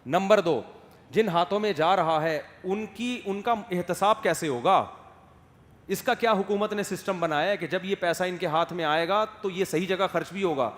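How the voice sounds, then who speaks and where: A man giving a sermon, lively, firing rhetorical questions at his listeners and acting out soft and loud voices. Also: high voice. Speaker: religious scholar giving a sermon. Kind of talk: Urdu sermon. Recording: echoey hall with faint ambience.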